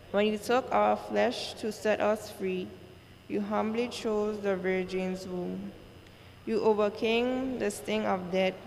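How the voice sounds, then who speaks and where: Woman worship leader reciting liturgy slowly; slight gravel, long cathedral echo, faint hiss. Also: medium pitch, darkish tone. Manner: slow, measured recitation. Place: large church. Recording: long church reverb, faint noise.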